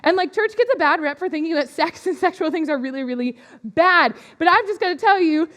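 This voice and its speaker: A young woman giving a youth ministry talk, telling a personal story in a chatty, animated way. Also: extremely high pitch, fairly quick. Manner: chatty, animated, laughs often. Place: church hall. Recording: reverberant hall.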